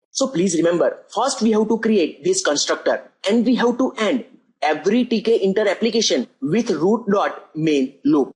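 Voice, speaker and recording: Husky-voiced coding tutor. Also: mid-range voice, darkish tone, low-quality recording. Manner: methodical, repeats "as you can see over here". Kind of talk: screen-recorded coding tutorial.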